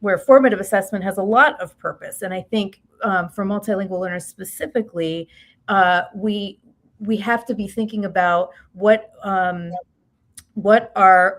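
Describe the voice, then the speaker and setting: A woman with a New York accent, a guest expert in an interview, talking in halting starts and restarts with frequent tag questions. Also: mid-range voice. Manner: halting, many fillers and restarts, "right?" tags. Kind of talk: interview conversation.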